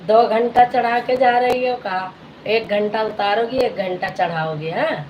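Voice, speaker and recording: Woman, folk singer hosting a live stream; chatty, friendly, on the high side. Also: measured pace, a little mellow, a little hiss or hum, rough recording. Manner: chatty, calls viewers sister, reads comments aloud. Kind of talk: casual live-stream chat.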